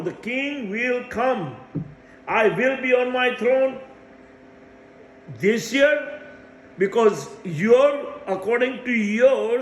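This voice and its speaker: A man's voice: very high-pitched, fairly bright tone, roomy sound, rough recording. A man in his sixties giving a rambling religious monologue as a self-proclaimed messiah, insistent and repeating phrases for emphasis. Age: 60s.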